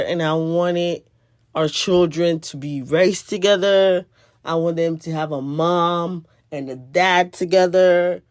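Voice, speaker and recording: A woman's voice: on the low side, dry recording, clean studio sound. Woman sharing a spiritual testimony. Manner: earnest, conversational, repeats phrases for emphasis. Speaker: spiritual video host. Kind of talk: personal testimony storytelling.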